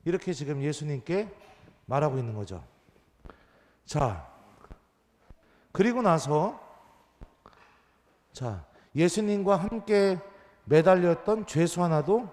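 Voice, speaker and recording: Playful high-voiced priest in a hall. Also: male voice, animated, slow, pauses often, a little mellow. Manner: playful, counts down and teases the children. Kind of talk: children's mass homily with a quiz game. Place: church. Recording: reverberant church hall.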